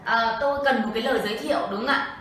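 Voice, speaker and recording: A woman's voice: fairly high pitch, fairly even intonation, very fast, fairly bright tone, far from the mic, a little hiss or hum. A woman with a Vietnamese accent co-hosting a livestream English lesson, explaining phrases and asking the audience questions. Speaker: co-host and interpreter. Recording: echoey room, off-mic.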